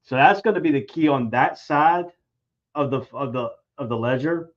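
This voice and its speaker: A man's voice: mid-range voice, normal speed. Guest analyst, man, loose talker, muffled lo-fi sound. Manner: loose, repeats and restarts phrases. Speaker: guest sports commentator. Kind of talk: casual sports analysis. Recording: dull lo-fi audio.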